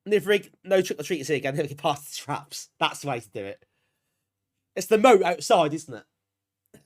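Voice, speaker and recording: A British man with a cold-clogged nose, still recovering, hosts a retro gaming live stream. His voice sits on the high side, lively and at a moderate pace, as he chats casually with viewers, pokes fun at himself, and shows he appreciates them.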